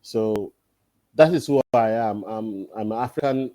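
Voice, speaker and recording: A man around forty, a guest in a casual interview, talking thoughtfully and pausing often on drawn-out fillers. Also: lowish voice, dark tone, no room sound. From Ghana. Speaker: podcast guest.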